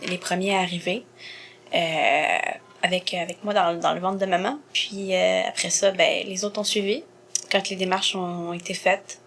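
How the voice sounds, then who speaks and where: A woman in her twenties from Montreal with a Quebec French accent, a guest in an interview, soft-spoken with many fillers, often trailing off quietly. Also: on the low side, little pitch movement, moderate pace. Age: 20s.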